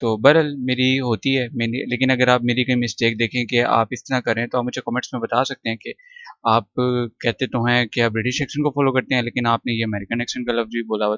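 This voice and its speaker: A man teaching an English lesson, explaining words and repeating them slowly for pronunciation. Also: mid-range voice, level tone, fairly bright tone, dry recording, highs cut off. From Pakistan. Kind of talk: recorded classroom lesson.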